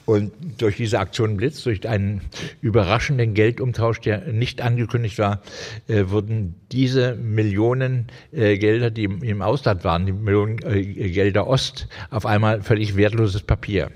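A man reading a novel aloud in an unhurried way, with occasional hesitations and restarts. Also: on the low side, fairly even intonation, a little mellow. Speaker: reader. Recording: reverberant hall.

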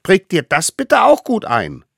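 Man playing a tiny boy cave hunter, high and fussy, storybook reading. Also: huge pitch swings, a little slow, creaky, a bit bright, no room sound, studio quality, exaggerated voice. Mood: eager.

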